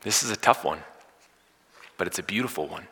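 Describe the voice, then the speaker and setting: Male pastor, bright forceful tone, dynamic sermon delivery that swells loud then drops soft, long hall reverb. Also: low voice, expressive, fairly quick, breathy edge. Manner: dynamic, swinging from loud emphasis to soft hushed lines.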